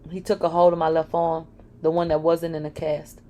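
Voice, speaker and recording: A woman's voice: low-pitched, level tone, moderate pace, dark tone. A woman reading a dramatic first-person story aloud, emotional and blunt, with swearing. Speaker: narrator.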